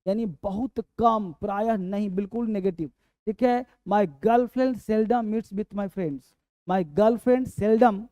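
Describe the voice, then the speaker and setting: A man's voice: high-pitched, mellow, dry recording. A male teacher giving a spoken English lesson, calling students "beta" and drilling each word with repetition. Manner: calls listeners 'beta', drills words with repetition.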